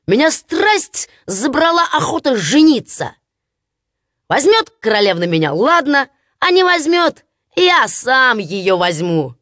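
A woman voicing a silly, cheerful young peasant lad who boasts, laughs and shouts. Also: high voice, sing-song, slow pace, dry recording, clean studio sound, pitched above the performer's own voice, exaggerated voice. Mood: gleeful.

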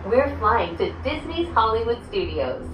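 A woman giving a polished, scripted welcome announcement, played over a loudspeaker in a ride cabin. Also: a little high, big pitch swings, a little slow. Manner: bright, lilting and polished. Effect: played over a loudspeaker in a gondola cabin. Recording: echoey speaker heard from a distance with ride noise.

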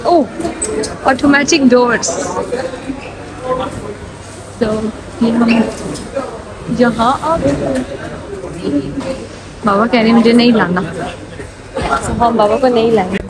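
A woman's voice: on the high side, takes it slowly, pauses often, very noisy. A young woman, vlogging while she walks through a big shopping mall, talking into a phone at arm's length in a chatty, rambling way. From Pakistan. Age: young adult. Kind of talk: casual walking vlog. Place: large indoor shopping mall. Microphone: phone held at arm's length. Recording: busy mall ambience behind.

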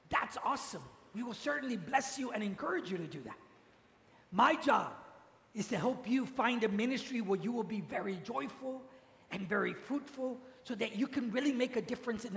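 A man's voice: very high-pitched, creaky, a bit bright. A man, a priest, giving a teaching sermon in a large church and having the congregation repeat phrases after him. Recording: echoey church with long reverb.

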